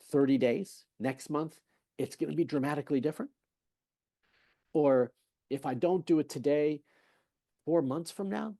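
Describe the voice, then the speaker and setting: With a medium pitch and dark tone, a man plays a fertility specialist being interviewed on a podcast. The studio recording is clean, with no room sound. His delivery is conversational, emphatic, and persuasive, full of rhetorical questions and retold patient talks.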